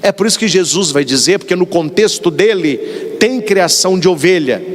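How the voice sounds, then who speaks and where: High, lively Brazilian priest preaching. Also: male voice, moderate pace. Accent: Brazilian Portuguese. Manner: animated storyteller, acts out dialogues. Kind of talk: sermon. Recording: long hall reverb.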